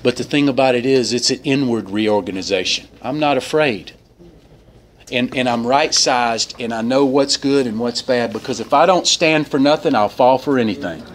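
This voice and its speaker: Casual: guy giving his recovery testimony in a meeting hall, pitch jumps way up when he acts stuff out, bit of background noise. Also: normal speed. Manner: animated storyteller, swings up in pitch for quoted voices. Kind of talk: personal testimony talk.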